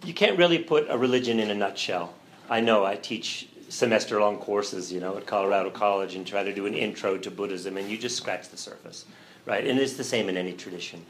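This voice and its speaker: Thoughtful low-voiced man giving a talk. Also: brisk, slight background noise, low-quality recording. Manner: relaxed, thoughtful, with fillers and light humor. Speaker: religion professor giving a guest talk. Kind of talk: lecture to a church audience.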